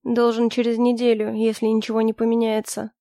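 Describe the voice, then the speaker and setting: A woman voicing a calm, matter-of-fact man in an audiobook. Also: a little high, brisk, no room sound, clean studio sound, lightly acted. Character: calm, practical man, the narrator's partner.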